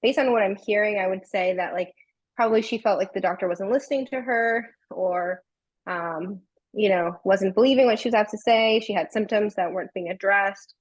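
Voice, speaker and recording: A woman joins a group discussion over a video call and offers her view in a measured, thoughtful manner. Her voice is slightly husky, and the sound is dry and close. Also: medium pitch, no room sound, low-quality recording. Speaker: workshop participant.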